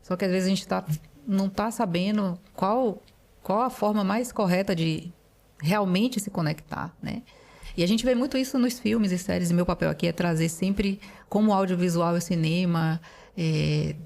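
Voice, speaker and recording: A woman's voice: fairly low pitch, normal speed, creaky, a little mellow. A woman hosting a podcast conversation, reflective and hesitant, with many fillers. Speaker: podcast host.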